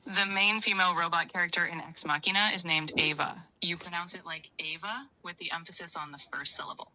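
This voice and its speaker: A woman's voice playing a polite AI chatbot assistant that answers questions calmly and informatively. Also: lowish voice, a little fast, a little hiss or hum, rough recording. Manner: calm, informative, agreeable. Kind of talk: synthetic assistant voice.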